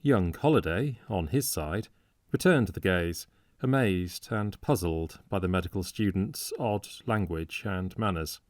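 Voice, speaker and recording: A man narrating a classic novel as an audiobook in a measured storytelling manner, close to the mic. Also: deep voice, darkish tone, no room sound.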